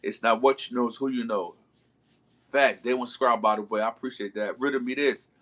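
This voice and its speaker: Bright-voiced man chatting on a livestream. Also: mid-range voice, steady tone, brisk. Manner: slangy, chatty, keeps calling out to viewers. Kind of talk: casual storytelling to a live chat.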